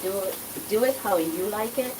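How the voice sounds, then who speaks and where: In a home kitchen, a woman from Dominica who grew up in Trinidad and Tobago rambles easily through a cooking vlog in a Trinidadian accent. Her mid-range voice keeps a normal speed but sounds distant and off-mic, competing with loud kitchen noise and frying food.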